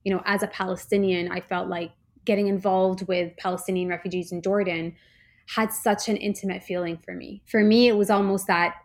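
Woman, grew up in Canada, gravelly edge, reflective, interview answers. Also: mid-range voice. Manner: earnest and reflective, searching for words. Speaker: social enterprise co-founder.

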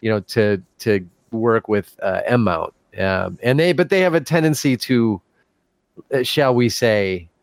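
A man's voice: on the low side, unhurried, dry recording. Male podcast host, casual storyteller, laughs a lot, dry close mic. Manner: chatty storyteller, laughs often, many fillers. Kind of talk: casual chat.

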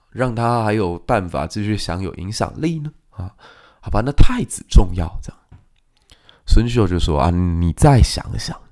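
A man with a Taiwanese Mandarin accent telling history stories as a podcast host, animated and quick to act out the people in his story. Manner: animated, acts out quoted historical figures with sudden pitch jumps. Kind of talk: lively storytelling commentary.

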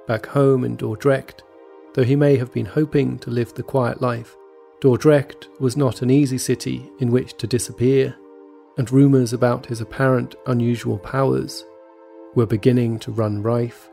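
A man tells a scripted true story in a steady, measured way. His voice is dark and warm, with a gravelly edge. Faint music plays beneath his narration. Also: mid-range voice. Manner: measured, even storytelling delivery. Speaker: podcast narrator. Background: faint background music.

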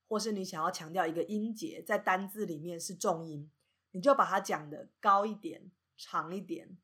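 A woman's voice: lowish voice, a bit bright, slightly rough. A woman who gives a podcast lesson on English pronunciation, explaining each point patiently and methodically.

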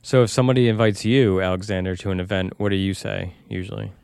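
A man hosting a podcast, asking questions and reading the show's closing announcement in a measured way. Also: on the low side, steady tone, vocal fry, darkish tone, clear, resonant tone, no echo. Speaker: podcast host. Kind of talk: podcast interview questions and scripted outro.

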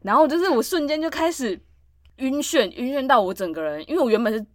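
A woman's voice: sits high, animated, fast, no echo. Podcast co-host, woman, dry close sound, loose rambling storyteller. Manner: rambling storytelling with many fillers. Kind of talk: casual chat.

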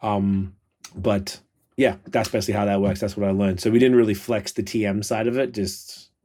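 Low-voiced Kiwi man chatting casually. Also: little pitch movement, moderate pace, dark tone. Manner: slangy, swears freely. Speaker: podcast host. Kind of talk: casual profane podcast chat.

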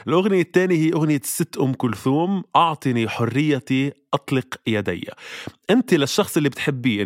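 A man's voice: mid-range voice, no room sound, clean studio sound. A man with a Levantine Arabic accent, chatting casually as a podcast co-host. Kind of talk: casual chat.

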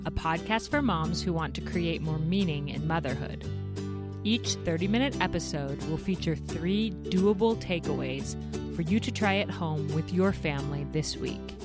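A woman hosting a podcast, reading a scripted introduction. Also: on the low side. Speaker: podcast host.

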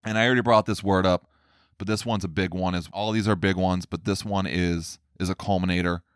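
A man speaking earnestly in a casual monologue about men's feelings, sometimes mimicking others in a higher voice. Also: steady tone, brisk, clear, resonant tone, dry recording, studio quality. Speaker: speaker on men's emotional health.

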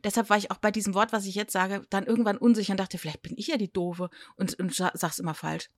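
A woman's voice: medium pitch, fast, no echo, clean studio sound. A woman co-hosting a casual podcast chat, pedantically correcting spellings and pronunciations, spelling words out letter by letter, and joking at her own expense. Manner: self-deprecating and animated when explaining. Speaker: podcast co-host.

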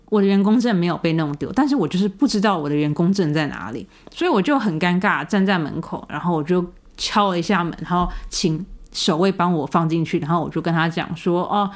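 A woman's voice: on the low side, fairly quick, hardly any pauses. A woman hosting a podcast, telling a story in a chatty, casual monologue with many fillers. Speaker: podcast host.

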